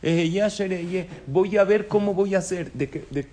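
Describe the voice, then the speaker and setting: A man giving a sermon as a rabbi, animated storytelling that acts out the voices of people in his tales. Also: sits high, moderate pace.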